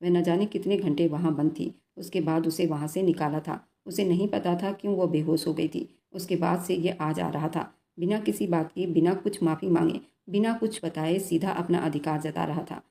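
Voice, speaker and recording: A woman narrating a romantic story in a steady, even reading voice. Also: lowish voice, moderate pace, creaky, few pauses.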